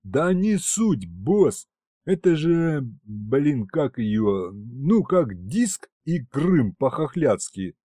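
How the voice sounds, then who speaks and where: A man voicing a rowdy, slang-spouting gangster imp warrior in an audiobook, with loud blustering delivery. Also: mid-range voice, big pitch swings, very slow, dry recording, studio quality, heavily acted. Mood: whining bluster. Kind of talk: audiobook character voice.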